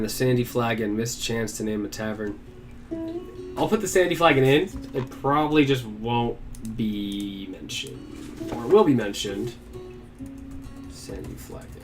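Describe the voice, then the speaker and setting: A man's voice: medium pitch, normal speed. Man musing aloud over guitar music. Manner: rambling, talks to himself with many fillers. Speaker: game master. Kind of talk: casual solo stream prep, thinking aloud.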